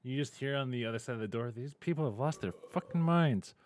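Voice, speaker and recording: A man's voice: medium pitch, lively intonation, fast, a little hiss or hum, close to an everyday voice. A man voicing a grumpy, foul-mouthed man who swears his way through every line. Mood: irritated. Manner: gruff, swears constantly.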